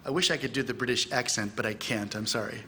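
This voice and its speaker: A man's voice: medium pitch, quick pace, slight background noise. A middle-aged man giving a lecture to a church audience from the pulpit, acting out bits of dialogue in a raised voice. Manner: animated, acts out dialogue with raised voice. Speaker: speaker at a church conference. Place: large church hall.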